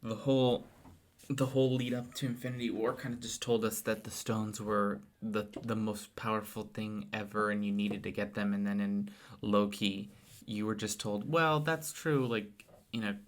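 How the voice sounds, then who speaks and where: A man's voice: on the low side, monotone, normal speed. A man co-hosting a podcast in casual chat, tired late at night, rambling with restarts and trailing thoughts. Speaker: podcast co-host.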